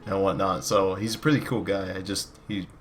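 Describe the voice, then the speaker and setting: A man hosting a podcast, passing the turn to guests in a relaxed, casual way. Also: deep voice, normal speed, soft background music. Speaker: podcast host.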